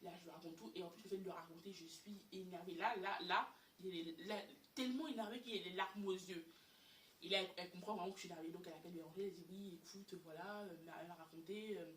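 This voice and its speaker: A young woman telling a story in casual chat, animated and exasperated, often repeating her words. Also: on the low side, fast talker, a little hiss or hum. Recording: echoey room, far from mic.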